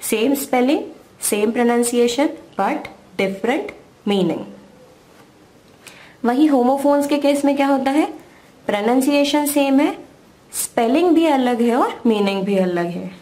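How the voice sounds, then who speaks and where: Indian woman tutor, slow and patient, slightly high voice, spells words out; a steady grammar lesson read. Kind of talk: slow explanatory lesson in Hindi-English mix.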